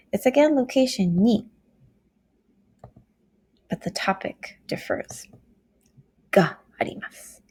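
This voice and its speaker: Woman, Japanese teacher, very gravelly and raspy voice, patient step-by-step explainer. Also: mid-range voice, mellow. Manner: explains step by step, slows down to model Japanese phrases. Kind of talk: classroom lecture video.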